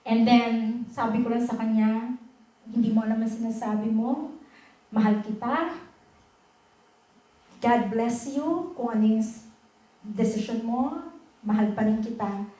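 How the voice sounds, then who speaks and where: A woman's voice: a little high, a little mellow. A woman with a Filipino accent giving an earnest personal testimony during a worship service, moving between Tagalog and English. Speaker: church testimony speaker. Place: church hall. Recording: echoey church hall, voice from far off.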